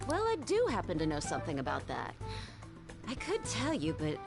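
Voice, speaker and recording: Flirty tipsy journalist, video game, very lively intonation, shrewd, casual, coaxing. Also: female voice, sits low, moderate pace, vocal fry, exaggerated voice. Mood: coaxing, businesslike. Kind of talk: video game dialogue acting. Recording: background music under dialogue.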